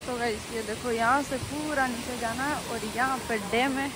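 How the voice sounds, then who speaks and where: A woman's voice: on the high side, steady tone, normal speed, heavy background noise. A young woman vlogging outdoors on a rainy hillside, talking to viewers through a phone camera held at arm's length. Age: young adult. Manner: chatty, addresses viewers directly. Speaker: travel vlogger. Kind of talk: casual travel vlog.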